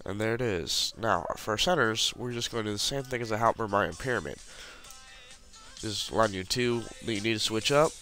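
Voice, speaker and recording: Soft background music accompanies a man whose fairly low voice sounds pushed and bright at a moderate pace. He's casually narrating a puzzle tutorial over a screen recording, walking through the steps while clicking. He has the flu, so he's congested and sniffling.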